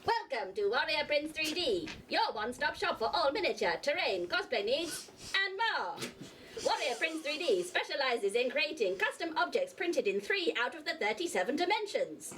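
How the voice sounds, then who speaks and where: A woman's voice: high-pitched, sing-song, moderate pace, fairly bright tone, a little hiss or hum. A woman putting on a robot voice as a robotic host reading a comic advert, with a stiff announcer cadence and computer status phrases. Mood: deadpan mechanical. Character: robotic male-less unit host reading an ad. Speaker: player reading a sponsor advert.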